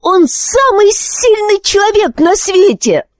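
A woman voicing a hot-headed young boy who yells shrilly. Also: big pitch swings, slow pace, no room sound, studio quality, full character voice. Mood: furious. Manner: shrill, yelling.

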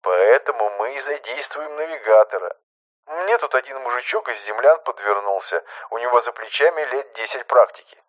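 Middle-aged male boss, hushed and steady, as a male narrator voices him; muffled audio. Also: natural voice. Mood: calm, firm. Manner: low, hushed, measured. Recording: muffled lo-fi recording.

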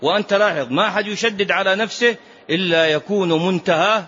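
Higher-voiced man teaching, dull lo-fi recording. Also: fast talker, bright, forceful tone. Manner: repeats key phrases for emphasis; asks rhetorical questions, prompts listeners with "ha?". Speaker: sheikh teaching a classical text. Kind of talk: religious lesson.

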